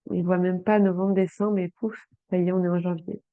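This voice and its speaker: Woman, tarot reader, slow and hesitant with lots of fillers, fairly low voice, dry phone-like sound. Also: little pitch movement, clean tone, no echo. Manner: slow, hesitant, with many fillers, speaking directly to the viewer. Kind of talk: tarot reading for viewers.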